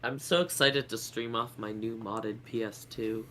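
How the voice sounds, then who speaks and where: A man's voice: fairly low pitch, steady tone, moderate pace, sharp tone. A man with a stuffy nose from a cold, chatting casually on a game stream. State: congested with a head cold, blocked nose. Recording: clear background noise.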